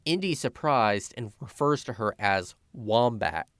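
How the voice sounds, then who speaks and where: A man's voice: lowish voice, animated, measured pace, a bit bright, dry recording, clean studio sound. A man narrating a scripted video essay as a film critic, opinionated and sarcastic in his commentary.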